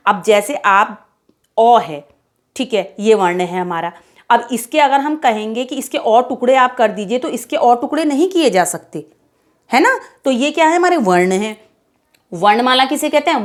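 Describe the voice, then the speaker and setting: A woman teaching a children's alphabet lesson, reciting letters slowly and repeating her own questions and answers for the pupils. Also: fairly high pitch.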